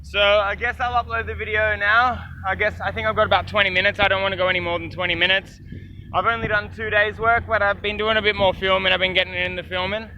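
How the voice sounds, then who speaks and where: A man's voice: sits high, level tone, fast talker, pushed and bright, dull audio, slight background noise. A man talking casually to camera outdoors in a rural garden, chatty and swearing now and then, with dogs barking around him. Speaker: vlogger. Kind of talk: casual vlog commentary.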